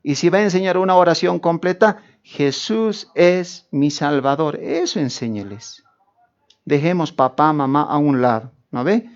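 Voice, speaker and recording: A man's voice: on the high side, expressive, measured pace, lo-fi sound. A man preaching a Bible teaching sermon in a conversational, joking way. He keeps asking his listeners rhetorical questions and calls them brother.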